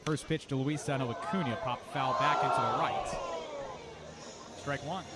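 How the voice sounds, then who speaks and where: Over a noisy crowd at an outdoor ballpark, a male radio announcer gives live play-by-play of a baseball game at normal speed. He talks easily between pitches and lifts his voice for the big moments, with heavy background sound throughout.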